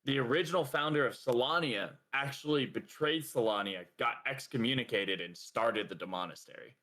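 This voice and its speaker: A man's voice: medium pitch, moderate pace, sharp tone. A young man co-hosting a podcast, rambling casually with lots of fillers and frequent laughs. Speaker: podcast co-host. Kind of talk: casual chat.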